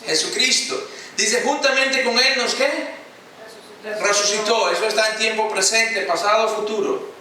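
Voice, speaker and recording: High-voiced bright Spanish-speaking pastor preaching. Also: male voice, fairly even intonation, measured pace. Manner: emphatic preaching with call-and-response. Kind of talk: sermon. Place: church hall. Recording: echoey church hall from a distance.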